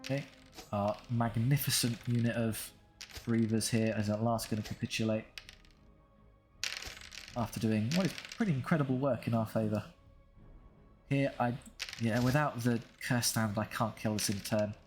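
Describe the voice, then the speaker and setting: With music playing underneath, a man with a mid-range voice speaks at a moderate pace, leaving long pauses. He's commentating on his own strategy game playthrough in a relaxed, understated way, thinking aloud and talking dryly to his units.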